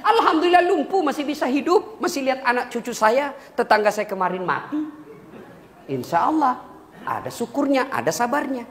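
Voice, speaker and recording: A man preaching a humorous sermon to a congregation, lively and joking, sometimes breaking into a few lines of song. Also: extremely high pitch, normal speed. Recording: echoey hall with faint ambience.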